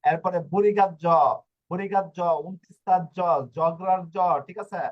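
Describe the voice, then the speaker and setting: High-voiced man teaching a language lesson. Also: flat delivery, moderate pace, muffled recording. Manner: repetitive, stops to ask "ঠিক আছে?". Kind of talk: teaching Italian letters to Bengali speakers.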